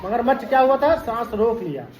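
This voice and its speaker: A woman's voice: on the high side, lively intonation, a little fast, darkish tone. A woman primary school teacher telling a story as a lesson, repeating lines and quizzing her listeners.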